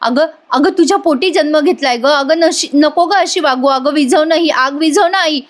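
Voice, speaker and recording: A woman's voice: normal speed, lightly acted. A woman voicing a selfish young woman from a TV serial, pleading shrilly to be saved. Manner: pleading, shrill cries for help.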